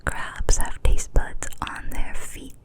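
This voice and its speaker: A young adult woman giving whispered ASMR narration, cupping her hand and whispering very close to the mic without voicing. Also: slow pace. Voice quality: unvoiced whisper. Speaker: ASMR host. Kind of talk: whispered ASMR, reading fun facts. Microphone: extreme close-up mic.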